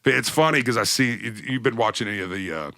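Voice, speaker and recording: A man's voice: medium pitch, fast, creaky, pushed and bright, dry recording, studio quality. A man from West Texas, hosting a podcast interview in a casual, rambling, storytelling way. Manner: laid-back, rambling storyteller, swears casually. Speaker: podcast host.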